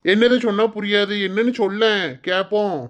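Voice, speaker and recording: A man playing a calm, matter-of-fact husband. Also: high voice, brisk. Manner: plain, steady. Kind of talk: cartoon voice acting. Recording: dull lo-fi recording.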